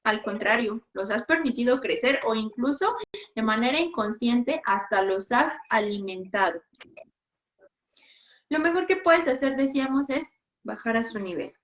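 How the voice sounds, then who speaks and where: Brief: high-pitched woman host, direct parenting advice, dull lo-fi audio. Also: a little slow. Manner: direct, animated, playfully acts out scenes. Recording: dull lo-fi sound.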